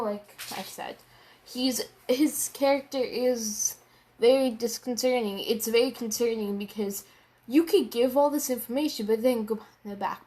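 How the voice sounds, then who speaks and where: A woman's voice: on the high side, a little mellow. A young woman reviewing a manga chapter in a casual, rambling way, getting worked up, swearing and repeating herself.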